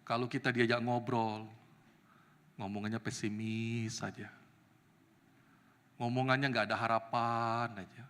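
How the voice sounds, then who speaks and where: A male evangelist preaching a sermon with animated delivery that climbs to loud, emphatic peaks. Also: mid-range voice, a little slow, pauses often, clear, resonant tone. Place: church sanctuary. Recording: reverberant church hall.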